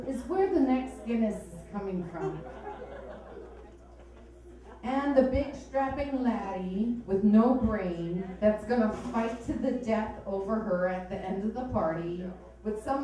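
Slow, sardonic woman comic from Hawaii. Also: mid-range voice, dark tone. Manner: sardonic, bawdy punchline delivery. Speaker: stand-up comedian. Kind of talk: stand-up comedy set. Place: comedy club stage. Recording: echoey club sound from far off.

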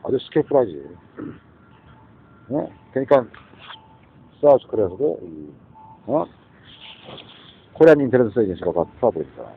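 A man's voice: medium pitch, very animated, moderate pace, pauses often, slightly rough. A man from the region, rambling in a monologue outdoors on a street, often asking "eh?" and slipping in English phrases. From Gyeongsang region, South Korea. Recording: tinny phone-like sound with faint street noise.

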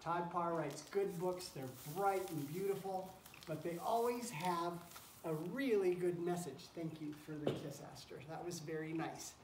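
A man reads a picture book aloud to children in a fairly high, unhurried voice, sounding like a teacher as he chats encouragingly and turns aside to the animals. The scene is a straw-covered wooden barn pen shared with goats and chickens. A distant camera mic, a few feet away, yields a roomy, noisy sound.

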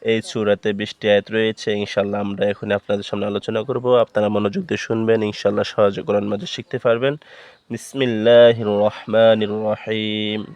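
A man teaching Quran reading, naming each letter and vowel mark, then chanting the verse slowly. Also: lowish voice, level tone, darkish tone. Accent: Bangladeshi Bengali. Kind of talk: slow spelling-out recitation lesson.

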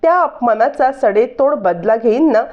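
A woman's voice: on the high side, lively intonation, moderate pace, natural voice. A woman voicing a scheming young woman who speaks in a determined, conspiratorial way, on dull lo-fi audio.

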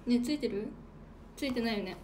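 A woman's voice: on the high side, a little fast, dark tone, a little hiss or hum. A woman from Hokkaido, an idol livestreaming alone, who chats casually, reads out viewer comments and thanks people while eating. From Hokkaido, Japan. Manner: chatty, playful, eats while talking. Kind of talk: casual solo livestream chat.

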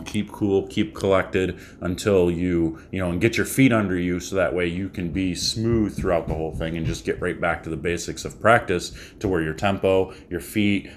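Here a thirty-something bowling coach talks to camera at home in a small room, sharing a casual tip. The delivery is low-voiced, relaxed and rambling, full of fillers and restarts, with a bit of hiss or hum in the background.

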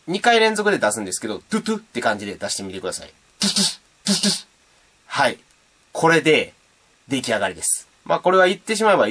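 A man's voice: mid-range voice, fairly bright tone. A man giving a casual, playful beatbox tutorial and demonstrating sounds as he explains. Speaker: beatbox teacher.

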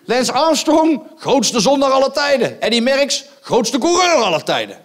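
A man doing stand-up on a theatre stage, loud and mocking, goading the audience with rhetorical asides. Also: very high voice, sing-song, normal speed. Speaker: stand-up comedian. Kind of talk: live stand-up performance.

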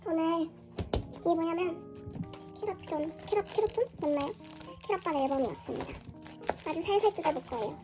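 A woman unboxing an album in a casual vlog, her hoarse voice run through a pitch-raising voice changer, gushing and squealing often. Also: expressive, fairly quick, long pauses, over music. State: hoarse from illness. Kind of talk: casual excited unboxing chat.

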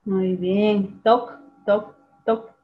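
A woman teacher runs an online class, patiently calling on students by name and repeating sounds slowly. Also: medium pitch, steady tone. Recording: tinny phone-like video call audio.

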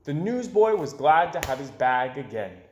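A young man in his 20s narrates a children's story with dramatic flair, his slightly high voice sing-song and a little mellow at a moderate pace. Recorded in a small room with bookshelves, the sound has a roomy echo.

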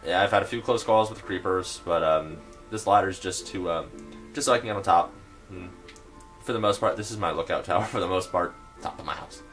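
A man's voice: deep voice, a bit bright. A young man casually narrating his game building, rambling with lots of fillers and hesitations. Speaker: gameplay video maker.

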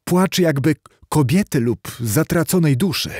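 A man voicing a fearful, anxious old male butler who speaks in an uneasy, hushed way. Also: a little high, expressive, measured pace, breathy edge, no echo, clean studio sound, voice pushed up.

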